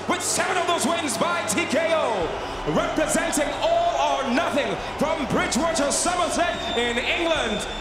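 Male boxing ring announcer, theatrical and shouted, stretched-out name calls, echoing arena PA over crowd noise. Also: very high-pitched. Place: large indoor fight arena, in the cage. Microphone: handheld microphone over arena PA. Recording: echoey arena PA, crowd and music.

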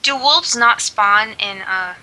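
A woman chatting excitedly during a game with friends, given to gasps and squeals. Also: mid-range voice, slow, rough recording. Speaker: gamer. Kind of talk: casual chat while playing.

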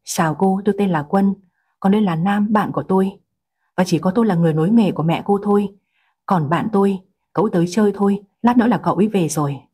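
A woman reading the lines of a calm young man who owns a bakery, in her own soft, breathy voice. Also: medium pitch, fast talker, close to an everyday voice. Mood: polite.

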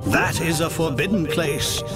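An actor playing a wise old wizard mentor in a video game, grave, measured and stately. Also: male voice, fairly high pitch, loud music behind the voice, close to an everyday voice.

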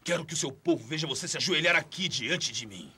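An actor playing a menacing dark lord, a tyrannical warlord, with a husky Brazilian Portuguese voice in a domineering, taunting film-dub delivery. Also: male voice, on the high side, lively intonation, fast talker, heavily acted. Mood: cold menace. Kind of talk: dubbed film drama acting.

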